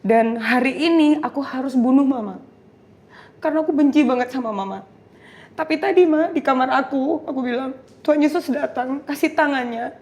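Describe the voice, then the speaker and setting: A woman's voice: high voice, normal speed, a little mellow. A young woman telling an emotional personal testimony in an interview, acting out the dialogue in her story and slipping in English phrases. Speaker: guest giving a testimony.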